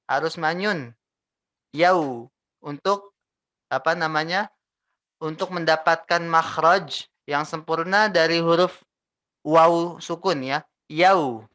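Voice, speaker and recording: A young man teaching Quran recitation, patiently repeating and modelling each syllable slowly. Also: a little high, pushed and bright, no echo. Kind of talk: tajweed lesson with recited examples.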